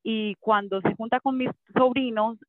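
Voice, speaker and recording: Casual mom on a video call: high voice, tinny dry audio, chatty, mixes in English fillers. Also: female voice, steady tone, moderate pace, dry recording. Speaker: guest, mother. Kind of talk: casual conversation. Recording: thin phone-like dry audio.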